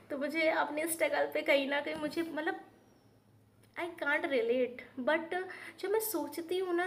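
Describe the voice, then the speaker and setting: A woman's voice: high voice, a bit bright. A woman, earnestly telling her own life story in a vlog and mixing in English words. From Uttar Pradesh, India. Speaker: teacher and YouTuber.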